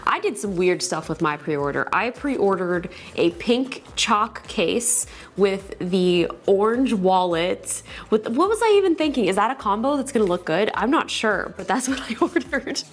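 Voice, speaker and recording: A woman hosting a casual unboxing vlog from her own studio, bubbly and excitable and gushing over what she unpacks. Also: mid-range voice, unhurried, a little hiss or hum. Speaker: tech YouTuber host.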